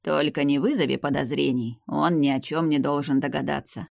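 A reader voicing an older male vampire clan head, a gruff and doting grandfather, in an audiobook. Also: mid-range voice, fairly even intonation, moderate pace, no room sound, clean studio sound. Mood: reassuring. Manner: gruff, fussing. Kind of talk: audiobook character voice.

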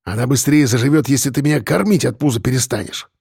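A man voicing a gruff, grumbling older man recovering in a hospital bed. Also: mid-range voice, fast talker, darkish tone, no echo, clean studio sound.

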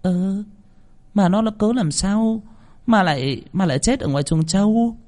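A man's voice: fairly high pitch, expressive, brisk, voice pushed up, close to an everyday voice. A man voicing a spoiled, cruel young daughter who talks in a petulant, bossy way. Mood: puzzled.

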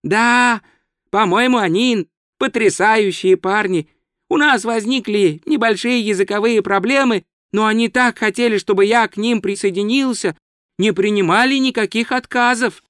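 A man's voice: sits high, moderate pace, a bit bright, clear, resonant tone, dry recording, clean studio sound, voice pushed up. A man voicing an eager, naive male tourist who talks in a polite, earnest, chatty way.

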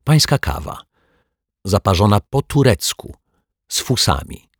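A man doing a courteous eager detective, raised bright voice, husky, lively, dry close mic, storybook figure. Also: on the low side, unhurried, no room sound, pitched above the performer's own voice, heavily acted. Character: fussy cheerful small-office male detective.

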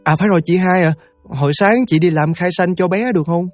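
A man's voice: high voice, quick pace, no echo, natural voice. An actor with a Southern Vietnamese accent playing a thin, loyal young shoeshine boy who talks chattily and deferentially, over faint music. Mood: affectionate.

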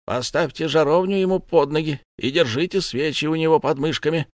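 A man's voice: fairly high pitch, fairly quick, no room sound, clean studio sound, voice pushed up, close to an everyday voice. A man reading an audiobook voices a cunning, stern judge giving cold commands at an interrogation. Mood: cold commanding.

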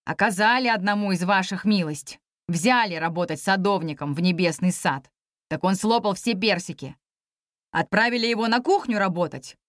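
A woman voicing a stern, mocking male celestial general in a storybook reading, speaking lower than her own voice and scolding. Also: moderate pace, a bit bright, no echo, studio quality, natural voice. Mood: scornful.

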